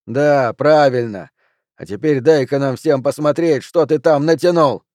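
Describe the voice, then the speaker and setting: A man voicing a hot-tempered loud poker loser in an audiobook, shouting coarse accusations. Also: a little high, measured pace, dry recording, natural voice. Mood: furious. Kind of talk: audiobook character reading.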